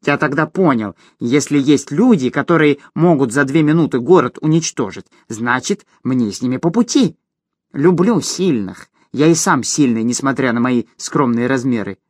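A man voicing a cowardly, fawning little male gnome in a shrill, eager tone for an audiobook. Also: lively intonation, normal speed, darkish tone, dry recording, clean studio sound, close to an everyday voice. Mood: boastful. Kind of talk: audiobook character voice.

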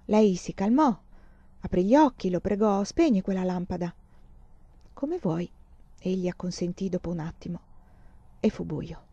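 A woman narrating a literary novel in a measured, expressive reading, in a slightly muffled recording. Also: mid-range voice, no echo. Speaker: audiobook reader.

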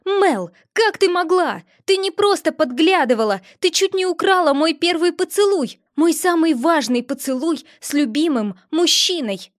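A haughty young princess, as a woman reads her, pitched well above a plain speaking voice and quick to flare into temper. She sounds high and sharp-edged, and the recording is close and dry, with no room sound. It is an audiobook character voice. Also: expressive, no room sound. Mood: furious. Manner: sweetly innocent, then shrill and furious.

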